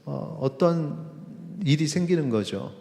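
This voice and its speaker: A man, a pastor, preaching a sermon in a conversational way, with pauses and acted-out quotes. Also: a little high, expressive, creaky, darkish tone. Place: church sanctuary. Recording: long reverb of a church hall.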